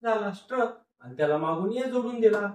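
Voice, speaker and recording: Male teacher, high pitch, slow syllable-by-syllable drilling, mic set back from him. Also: lively intonation, a little mellow, far from the mic. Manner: slow, repetitive syllable-by-syllable sounding out. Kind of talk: phonics lecture, sounding out words. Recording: echoey room, voice from off the mic.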